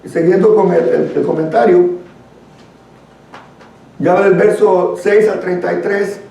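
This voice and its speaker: A Guatemalan-accented man with a high, gravelly, warm voice speaks at a measured pace with fairly even intonation. He teaches a church Bible study, reading and explaining scripture in an earnest, conversational way, and the distant microphone captures a very echoey room.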